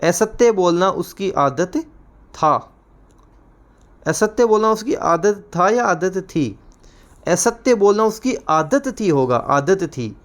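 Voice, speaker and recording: A man's voice: high voice, animated, slow. A man teaching an exam-prep grammar class, repeating words over and over and giving frequent reminders. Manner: repetitive, drilling words again and again.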